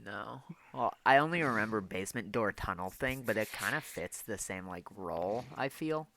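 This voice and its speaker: A man's voice: fairly low pitch, expressive, moderate pace, creaky, pushed and bright, slight background noise. A man co-hosting a casual podcast, telling a long story in a rambling way, full of fillers and the odd swear word. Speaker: podcast co-host. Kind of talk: casual chat.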